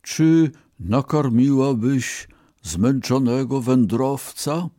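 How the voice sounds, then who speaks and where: A man voicing a frail old male beggar with a weak, trembling voice, pleading slowly in a storybook reading. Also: medium pitch, dark tone, no echo, clean studio sound, voice pushed up, close to an everyday voice. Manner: slow, pleading, plaintive.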